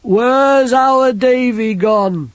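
Man doing a big childlike lad, high and plaintive. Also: very slow, dry recording, exaggerated voice. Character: big simple-minded grieving young man, childlike. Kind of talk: audiobook character voice. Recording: dull lo-fi recording.

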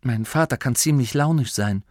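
A man's voice: mid-range voice, moderate pace, darkish tone, no echo, studio quality, pitched above the performer's own voice, natural voice. A man voicing a nervous, earnest young male gnome, the son of a duke, in a storybook reading. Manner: nervous, earnest, slightly raised voice.

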